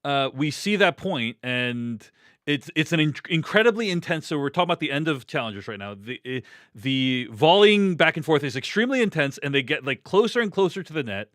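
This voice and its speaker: Male podcast host, animated pitch, dry close sound, talks through film scenes casually. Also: a little fast, dry recording. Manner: chatty, recapping scenes with lots of "like".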